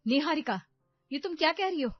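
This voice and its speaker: A woman voicing a proud young daughter-in-law in a cartoon story, sharp and defensive. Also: sits high, expressive, fairly quick, dry recording, dull audio, soft background music, pitched above the performer's own voice. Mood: angry.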